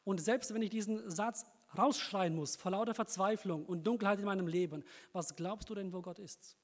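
An earnest, encouraging preacher with a fairly high voice speaks directly to his listeners. His words echo with a long reverb in a church hall. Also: moderate pace. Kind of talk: sermon.

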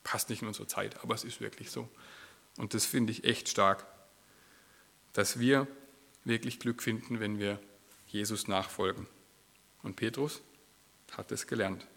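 A man's voice: lowish voice, steady tone, measured pace, vocal fry, pauses often, a bit bright. A man preaching a sermon in church, acting out quoted lines with a shifting voice.

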